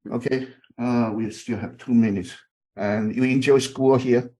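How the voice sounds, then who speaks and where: A middle-aged man from Taiwan, a university instructor, teaches a class over a video call in an informal, chatty way, using many fillers and repeated okays. His voice is medium-pitched, steady, mellow and unhurried.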